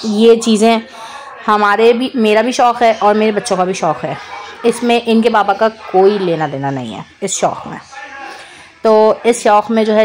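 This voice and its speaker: A woman's voice: mid-range voice, darkish tone. A woman in her thirties, a mother narrating her family vlog as a casual voice-over, chatty and repetitive with fond teasing. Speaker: vlogger, mother.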